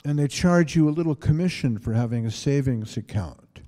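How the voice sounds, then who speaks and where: Older man lecturing in a reverberant hall. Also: mid-range voice. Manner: calm, unhurried, speaks in short phrases. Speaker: visiting lecturer. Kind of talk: spiritual lecture paused for an interpreter.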